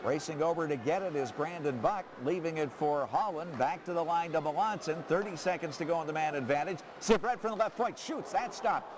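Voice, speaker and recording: Hockey announcer guy, clipped calls building to shouts, highish animated voice, super noisy arena. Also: brisk, few pauses. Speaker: play-by-play commentator. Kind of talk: excited hockey commentary.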